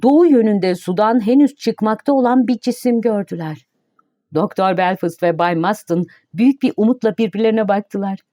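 A woman narrating an audiobook in a steady, even reading voice. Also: mid-range voice, normal speed, no echo, clean studio sound.

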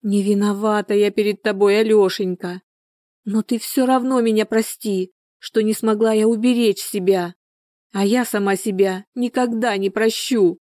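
A woman's voice: mid-range voice, fairly even intonation, moderate pace, warm tone, no room sound, clean studio sound, natural voice. A woman reading the part of a hot-tempered village wife and mother who scolds sharply. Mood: pleading.

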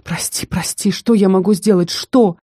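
A narrator plays a shaken young man in an audiobook, his voice strained and ringing as he pleads and accuses. The tone is mellow and the sound dry and close. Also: mid-range voice, moderate pace, dry recording, lightly acted. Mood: despairing. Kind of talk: audiobook character reading.

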